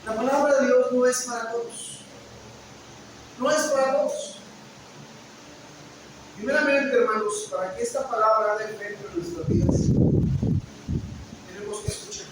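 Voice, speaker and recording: A man preaching a sermon, often asking "¿verdad?" and calling out to the brothers, sometimes rising to a shout. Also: extremely high pitch, moderate pace, pauses often. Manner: keeps asking "¿verdad?" and calls out "hermanos"; rises to a shout at points. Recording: echoey room from far off with noise.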